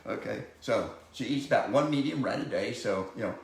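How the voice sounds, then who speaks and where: A man who works as a wildlife educator, giving a casual, rambling talk about live owls, often chuckling and filling pauses with "uh". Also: lowish voice, animated, creaky. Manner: rambling, chuckling, many fillers and restarts. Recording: very echoey room, faint noise.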